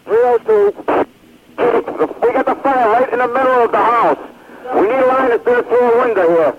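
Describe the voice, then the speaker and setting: A man's voice: very high voice, a little fast. A man working as a firefighter in the field, giving terse orders and reports over a two-way radio. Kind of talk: terse emergency radio traffic. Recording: dull, very noisy mobile radio transmission.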